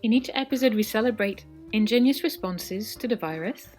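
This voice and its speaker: A woman's voice: fairly high pitch, brisk, darkish tone, soft background music. A woman co-hosting a podcast, introducing a guest with enthusiastic explanations. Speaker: podcast co-host and interviewer. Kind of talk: podcast presenting.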